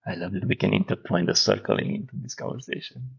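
A man hosting a casual interview podcast, speaking slowly and softly in a reflective way. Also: lowish voice, creaky, husky. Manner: slow, soft, reflective, gentle laughs. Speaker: podcast host. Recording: muffled lo-fi recording.

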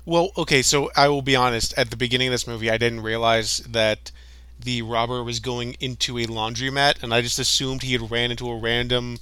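A man co-hosting a podcast, riffing on a movie in casual chat, animated and jokey. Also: medium pitch, fairly quick, clean tone, no echo. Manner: animated, jokey, riffs and laughs along. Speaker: podcast co-host.

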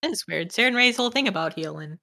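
A woman's voice: mid-range voice, lively intonation, quick pace, gravelly, bright, forceful tone. A woman playing a tabletop game, chatting casually about her character. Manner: casual, laughing often. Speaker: player. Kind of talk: casual tabletop play chat.

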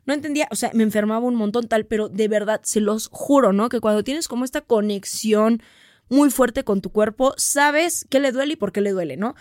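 Mexican woman vlogger, higher register, frank and foul-mouthed, chatty storyteller, dry close sound. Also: moderate pace, a little mellow, no room sound. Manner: frank and profane, chatty with many fillers. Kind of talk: candid personal storytelling.

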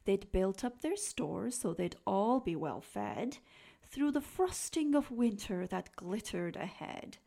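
A woman reading a rhyming children's picture book aloud in a slow, expressive, lilting way. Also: mid-range voice, vocal fry. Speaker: storybook reader.

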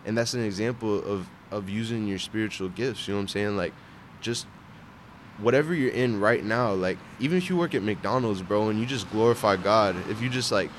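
A man's voice: lowish voice, brisk. A young man talking casually and earnestly about faith, with slangy, bro-heavy phrasing. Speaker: barber sharing his faith. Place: outdoors at a park bench. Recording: outdoor urban vehicle noise.

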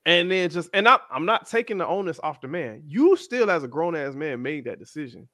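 A man co-hosting a casual chat, animated and acting out quotes in shifting voices. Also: fairly high pitch, brisk, no echo, studio quality. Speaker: podcast co-host.

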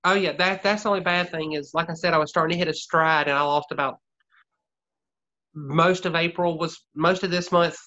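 Female comic, Southern American accent, deep register, conversational, slightly muffled lo-fi sound. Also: steady tone, moderate pace, fairly bright tone. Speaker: comedian. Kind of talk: casual chat.

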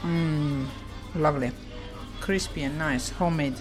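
Low-voiced female podcast co-host. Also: measured pace, music in the background. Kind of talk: casual podcast chat.

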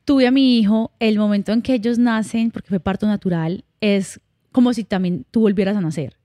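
A young woman shares her life in a relaxed podcast conversation, candid and heartfelt. Her voice is mellow and warm, and the recording is dry and close with no room sound. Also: mid-range voice, a little fast, no echo. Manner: candid and heartfelt, storytelling with quoted dialogue. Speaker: podcast guest. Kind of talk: casual conversational interview.

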